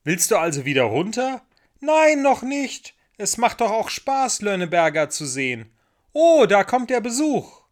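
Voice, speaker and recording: A man voicing a cheerful, trusting little girl in a storybook reading, with a high squealing childlike voice. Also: expressive, normal speed, hardly any pauses, fairly bright tone, natural voice. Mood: shouting gleefully.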